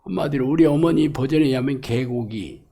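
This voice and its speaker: A middle-aged man preaching a lively, colloquial sermon as a pastor, acting out quoted voices and laughing along. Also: mid-range voice, a little fast, vocal fry, a little hiss or hum. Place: church or hall.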